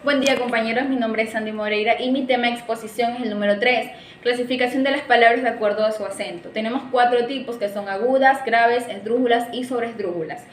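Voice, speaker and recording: A young female student presents to her classmates and explains each point, often stopping to check that they follow. Her voice is a little high. It rings in an echoey room with faint background noise. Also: fairly even intonation, quick pace, hardly any pauses. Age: young adult.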